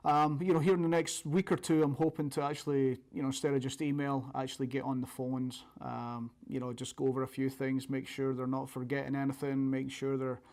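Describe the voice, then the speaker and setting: Scottish man with an even-pitched voice. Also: fairly quick, few pauses. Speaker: college soccer coach. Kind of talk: informal interview answers.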